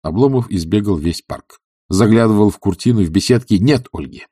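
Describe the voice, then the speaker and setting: A man narrating a classic novel as an audiobook, measured and expressive. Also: fairly low pitch, slightly rough, no room sound, studio quality. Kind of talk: literary audiobook reading.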